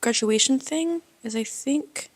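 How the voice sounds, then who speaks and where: A woman's voice: high voice, a little slow, slightly rough. A woman co-hosting a podcast in casual, emphatic chat, with a slight lisp that makes her s whistle. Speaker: podcast co-host. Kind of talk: casual chat about books and TV.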